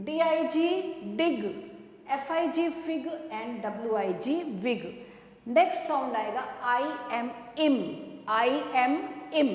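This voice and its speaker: A woman with an Indian English accent teaching a phonics lesson to young children, sounding out each word slowly and asking the class questions. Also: high voice. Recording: echoey room with long reverb.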